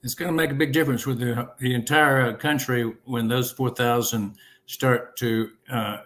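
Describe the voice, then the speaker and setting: A man interviewing a guest, asking questions in a friendly, relaxed way. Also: medium pitch, moderate pace.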